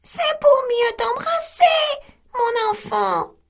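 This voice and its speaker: Big sly storybook wolf, loud and high-pitched, swooping voice, as a woman reads it. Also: huge pitch swings, slow, full character voice. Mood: coaxing. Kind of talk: storybook reading.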